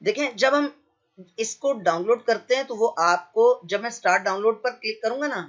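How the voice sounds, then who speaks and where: Male computer teacher, high-ish voice, patient step-by-step explainer, muffled lo-fi recording. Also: normal speed, a bit bright. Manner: explains step by step, often says "acha ji". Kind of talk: screen-share tutorial.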